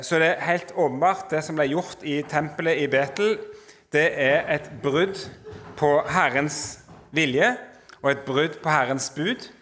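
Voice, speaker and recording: A man lecturing on the Old Testament in a measured way, slowing down for emphasis and often pausing with hesitations. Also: medium pitch, fairly bright tone. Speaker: Bible teacher.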